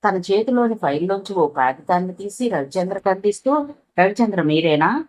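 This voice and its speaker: A woman's voice: medium pitch, lively intonation, a little fast, darkish tone, rough recording. A woman narrating a novel aloud, reading every role in much the same voice.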